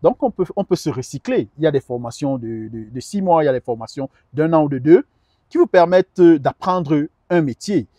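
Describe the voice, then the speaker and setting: A middle-aged man speaking earnestly in a sit-down interview, his voice sitting fairly high for a man. He stumbles and repeats words as he searches for them. The sound is dry and close, with no room echo. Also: lively intonation, fairly quick, dark tone. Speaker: guest advisor on immigration. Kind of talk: conversational interview.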